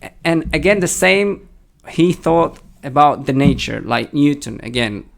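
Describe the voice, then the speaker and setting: Fairly high-pitched and gravelly, this young man talks a little slowly but with animation. He co-hosts a relaxed podcast conversation in Hebrew-accented English with a faint British flavor, sounding reflective and unsure and often starting his sentences over.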